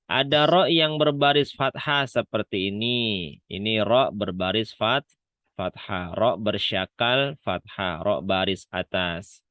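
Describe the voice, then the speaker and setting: A man's voice: fairly low pitch, slow, a bit bright, no room sound. A man teaching Quran letter pronunciation in an online class, patiently demonstrating sounds again and again. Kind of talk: online Quran reading lesson.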